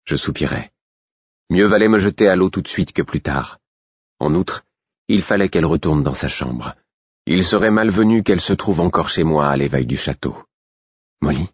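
Very deep husky male narrator. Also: animated, moderate pace, no room sound, muffled recording. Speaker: audiobook narrator. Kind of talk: scripted first-person narration.

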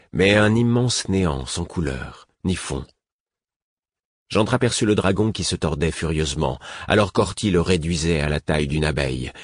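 A man reads a fantasy audiobook in the first person with a steady, measured delivery. His voice is very low and husky, and the recording is close and dry with no room sound. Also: no echo. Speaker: audiobook narrator. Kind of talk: scripted first-person narration.

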